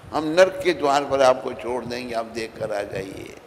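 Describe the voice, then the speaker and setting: A man's voice: medium pitch, moderate pace, vocal fry. A man giving a devotional sermon, telling a story and acting out its dialogue in a raised voice. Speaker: swami giving a devotional lecture. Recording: long hall reverb with faint background noise.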